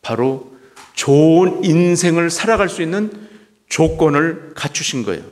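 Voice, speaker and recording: A man's voice: a little high, expressive, unhurried. A male pastor preaching a sermon, repeating key phrases and asking the congregation rhetorical questions. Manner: asks the congregation rhetorical questions, emphatic repetition. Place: church sanctuary. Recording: long hall reverb.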